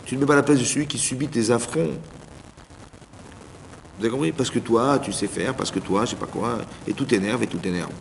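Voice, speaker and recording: A man giving an informal Torah class as a rabbi, animated, speaking straight to his listeners and acting out little dialogues. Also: mid-range voice, fairly quick, creaky. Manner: animated, addresses listeners directly, acts out dialogues. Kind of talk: informal sermon. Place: community hall. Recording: reverberant hall, faint background noise.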